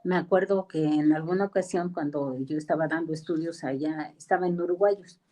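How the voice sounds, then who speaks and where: A woman's voice: sits low, steady tone, a little fast, mellow. A woman preaching a sermon, telling stories in a conversational way and acting out the dialogue.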